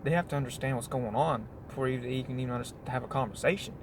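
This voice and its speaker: A man's voice: medium pitch, fast talker, a little hiss or hum. A man talking casually on his work break, rambling in a loose monologue with many restarts and asides. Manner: meandering, full of restarts and "you know what I mean". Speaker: vlogger.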